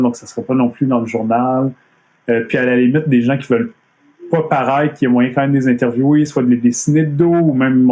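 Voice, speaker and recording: Montreal-accented man, chatty, halting. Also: mid-range voice, darkish tone. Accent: Montreal French. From Quebec. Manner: hesitant, many fillers and restarts. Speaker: comic artist giving a talk. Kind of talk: casual live-streamed presentation. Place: at home. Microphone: computer mic on a video stream.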